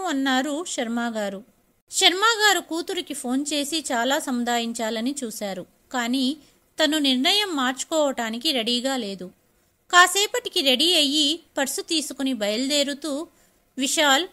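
High bright woman storyteller. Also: expressive, normal speed. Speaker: narrator. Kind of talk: scripted story narration.

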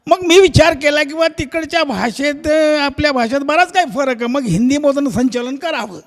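Male stage comic from Maharashtra, high voice, lively storyteller, hall reverb. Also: normal speed. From Nanded, Maharashtra. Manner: animated, acts out voices and sounds. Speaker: comedian and shahir.

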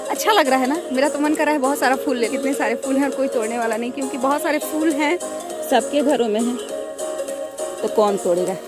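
Loud music plays behind a middle-aged woman's high, fast voice as she vlogs through an old village school. A mother from Bihar, India, with a Bihari Hindi accent, she guides her son along the walk. She holds her phone at arm's length.

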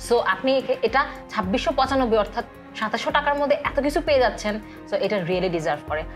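With a slightly high voice and lively intonation, she talks fast over soft background music. This Bangladeshi Bengali-accented food vlogger gives a chatty, casual review to camera at a restaurant, peppering it with English words.

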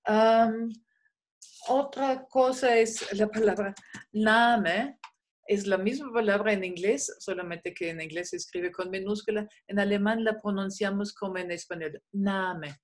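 Chatty woman teaching online. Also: medium pitch. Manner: relaxed, frequent fillers, slow modelling of German sounds. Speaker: German teacher. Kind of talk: online class. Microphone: video call.

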